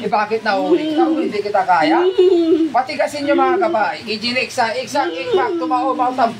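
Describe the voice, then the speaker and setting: A woman's voice: fairly high pitch, lively intonation, fairly quick, a crowd in the background. A woman folk healer leading a healing ritual, chanting prayers and then taunting and demanding answers in a commanding way. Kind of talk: healing ritual incantation and confrontation. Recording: noisy background.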